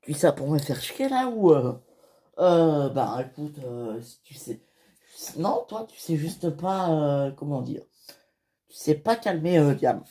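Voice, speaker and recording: A woman voicing a soft-spoken father in a toy-figure series, mumbling and repeating himself hesitantly. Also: deep voice, very animated, unhurried. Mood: defensive.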